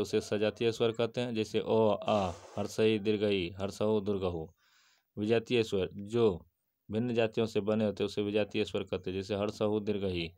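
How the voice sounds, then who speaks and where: Low-voiced man teaching grammar. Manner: steady, list-like recital with questions answered himself. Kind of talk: exam-prep grammar lesson.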